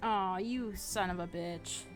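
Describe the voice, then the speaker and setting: A woman's voice: medium pitch, slow. A woman streaming live, chatting casually as she plays, cooing at her pets and swearing freely. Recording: music playing under the voice. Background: background music.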